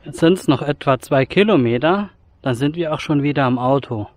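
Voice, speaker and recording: A man's voice: fairly high pitch, normal speed, no room sound. A man in his forties, a hiking vlogger, talking plainly to a camera held at arm's length outdoors on open farmland. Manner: friendly, plain and matter-of-fact. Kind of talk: casual vlog to camera. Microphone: action camera held at arm's length.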